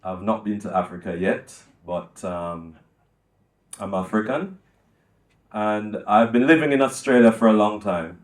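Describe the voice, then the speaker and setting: An older man from Jamaica, hosting a live on-stage chat with a small audience and speaking in a measured way with many ums. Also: on the low side, roomy sound. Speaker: host. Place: music lounge venue with a small audience.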